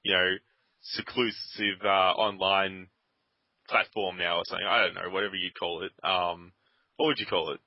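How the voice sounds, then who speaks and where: A man's voice: low voice, steady tone, moderate pace, dry recording. A man rambling and grumbling sarcastically to his co-host while they play a game at his computer. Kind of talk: casual gaming chat. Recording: dull lo-fi dry sound.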